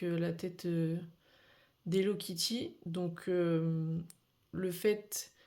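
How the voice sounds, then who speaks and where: Slow, hesitant French woman reading cards. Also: fairly low pitch, dark tone. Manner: hesitant, many fillers and restarts. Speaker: tarot card reader. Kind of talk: casual weekly card reading.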